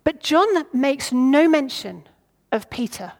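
A woman with a fairly high voice preaches a sermon. She thinks aloud and asks her listeners what they would do. She sometimes stops and starts over her words. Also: lively intonation, slow pace, darkish tone. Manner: reflective, asks the listeners questions.

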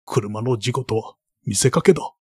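A man voicing an old baron who is gentle and grieving and speaks in an old-fashioned way. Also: moderate pace, slightly rough, no echo, clean studio sound, lightly acted. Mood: sorrowful. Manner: soft, low, old-fashioned phrasing.

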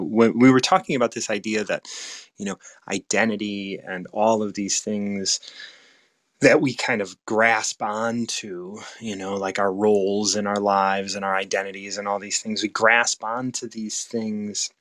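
A man's voice: lowish voice, steady tone, unhurried, a bit bright, dry recording. Man, host, casual spiritual chat, rambling and reflective, dry close sound. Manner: rambling, reflective, frequent restarts.

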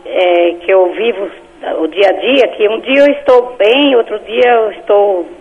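A woman's voice: medium pitch, a little slow, slightly rough. A woman calling in to a radio show, heard over a landline phone call, talking hesitantly in casual chat.

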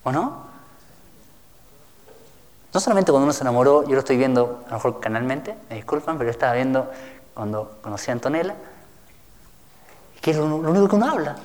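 A man's voice: medium pitch, animated, a little fast, pauses often, darkish tone. A male pastor giving a teaching sermon, reading scripture aloud and asking the listeners questions. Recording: reverberant hall.

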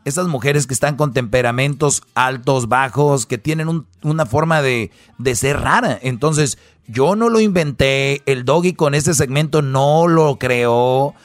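A man's voice: mid-range voice, no echo. Wisecracking male radio host. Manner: mocking, wisecracking. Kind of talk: comedic radio talk.

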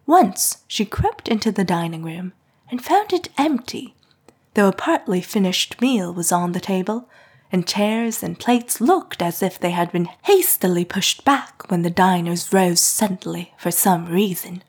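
A woman narrating a classic novel in a soft, hushed reading voice. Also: mid-range voice, expressive, a little slow, slightly rough. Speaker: audiobook narrator.

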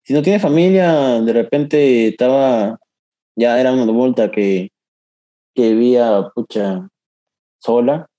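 A young man co-hosting a podcast, chatting casually in an animated, jokey, direct way. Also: medium pitch, takes it slowly. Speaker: podcast co-host. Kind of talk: casual chat.

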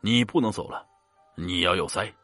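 A man's voice: deep voice, normal speed, fairly bright tone, no room sound, soft background music, voice pushed down. A man voicing a stubborn, insistent older male fortune-teller in a spoken ghost story. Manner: urgent, insistent.

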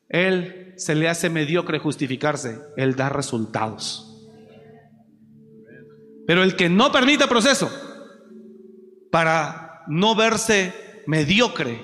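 A male preacher, delivering a fiery sermon full of rhetorical questions and shouted emphasis. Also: fairly high pitch. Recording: long hall reverb, faint music.

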